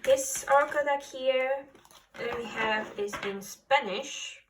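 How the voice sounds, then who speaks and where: Speaking English as a second language, a woman tarot reader leads listeners through a spiritual card reading, talking slowly and haltingly as she hunts for words. Her microphone is placed some distance away, and the background is high-pitched and noisy.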